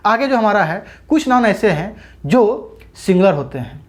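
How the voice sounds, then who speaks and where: Animated woman teaching grammar. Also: medium pitch, normal speed. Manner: asks questions and answers them herself; addresses viewers as brothers and sisters. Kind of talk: exam-prep grammar lesson.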